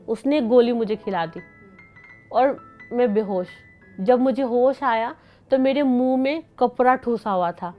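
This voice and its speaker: A young woman tells her story as an interview guest, slipping into each person's lines as she goes. Her voice sits a little high. The sound is muffled and lo-fi, with soft music underneath. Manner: vivid storytelling, acting out both sides of dialogue. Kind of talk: emotional personal account.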